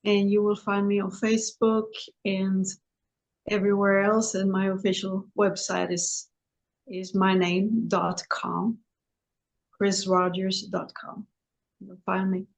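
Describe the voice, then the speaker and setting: Slow, halting woman from Sweden. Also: medium pitch, level tone, gravelly, low-quality recording. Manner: slow, halting, many restarts. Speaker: singer-songwriter guest. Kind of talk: interview.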